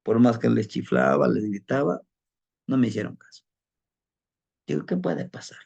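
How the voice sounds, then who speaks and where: A man recounts a personal story in a loose, chatty way. His voice is gravelly and husky, with a dark, mellow tone, and he keeps checking in with the listener and stumbling over repeated words. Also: medium pitch, moderate pace, lo-fi sound. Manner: conversational, frequent tag questions, repeats words while searching. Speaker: storyteller of spirit lore. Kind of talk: casual personal anecdote.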